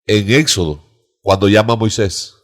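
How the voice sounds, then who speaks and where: A man's voice: fairly low pitch, moderate pace. A man discussing scripture in a reflective, devout teaching tone on a church discussion show. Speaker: pastor. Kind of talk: Bible study discussion.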